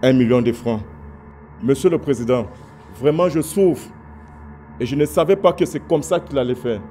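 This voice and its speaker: A man's voice: medium pitch, normal speed, dark tone, soft background music. Pleading, deferential man. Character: put-upon male employee begging his boss. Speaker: actor in a comedy web series. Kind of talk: comedic sketch acting.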